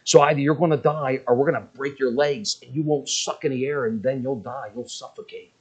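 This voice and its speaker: A man's voice: mid-range voice, fairly quick, a little mellow, slightly rough. A man preaching a sermon with emphasis, throwing rhetorical questions to his congregation.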